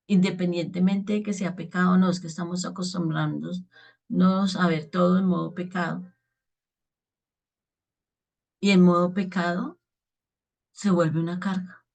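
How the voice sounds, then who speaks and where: A woman preacher speaks in a somewhat low voice, giving an earnest reflection on the daily gospel. She keeps checking in with her listeners as she talks. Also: darkish tone.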